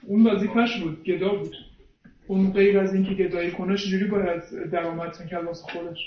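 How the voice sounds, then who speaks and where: A man's voice: high-pitched, fairly even intonation, reverberant, recorded from a distance, lo-fi sound, slight background noise. A man interpreting a sermon, hesitant and full of filler sounds.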